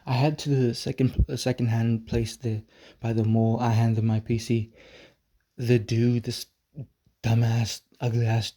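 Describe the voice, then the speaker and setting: A man telling a story to the camera in a casual vlog, rambling and halting, repeating words and swearing casually. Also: mid-range voice, little pitch movement, mellow.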